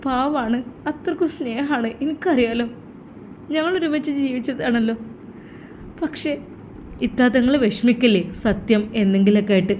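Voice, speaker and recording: A woman voicing a gentle young woman, an older sister, who speaks softly and with quiet resignation. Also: fairly high pitch, moderate pace, a little hiss or hum, natural voice. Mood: sorrowful. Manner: soft, resigned, sorrowful.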